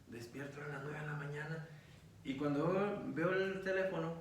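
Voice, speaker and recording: A man's voice: fairly high pitch, normal speed, slight background noise. A middle-aged man, a preacher telling a long personal story in an interview, with many fillers as he rambles. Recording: echoey room, distant mic, faint ambience.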